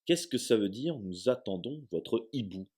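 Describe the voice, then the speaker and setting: A man's voice: deep voice, expressive, moderate pace. A man reading aloud, voicing a bewildered young boy who asks hesitant, stammering questions.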